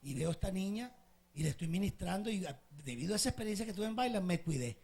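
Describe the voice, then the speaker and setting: A man's voice: high-pitched, expressive, fast talker, vocal fry, darkish tone, breathy edge. A male pastor preaching a sermon with passion, telling stories to his congregation. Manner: impassioned storytelling preacher.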